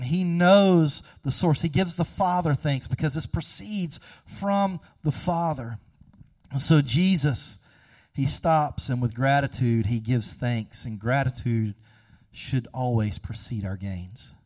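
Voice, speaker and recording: A man in his thirties preaching a sermon, conversational and humorous, acting out little scenes and slowing down to stress key phrases. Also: fairly high pitch, darkish tone. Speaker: pastor.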